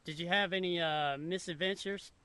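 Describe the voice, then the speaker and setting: A man hosting a casual chat outdoors, laid-back and chuckling, halting often with fillers. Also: high-pitched, steady tone, pushed and bright, clear, resonant tone, no room sound. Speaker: podcast host.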